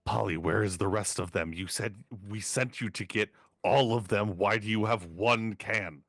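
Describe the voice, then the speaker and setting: A man's voice: lowish voice, moderate pace, a bit bright, dry recording, clean studio sound. A man voicing a fussy living construct with a metallic voice, firing off nagging questions in a tabletop game. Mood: exasperated.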